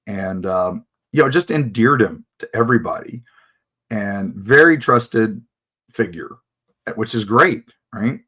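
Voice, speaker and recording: A man's voice: on the low side, animated, takes it slowly, sharp tone. An American man in his fifties hosting a casual reminiscing monologue, talking in an informal, enthusiastic fan's manner. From United States. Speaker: host.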